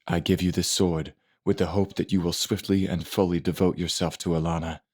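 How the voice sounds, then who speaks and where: Man voicing a stern, deep-voiced assassin mentor. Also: flat delivery, a little mellow, dry recording, studio quality. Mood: solemn. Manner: measured, stern, fatherly. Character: grave middle-aged male assassin mentor. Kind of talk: audiobook character voice.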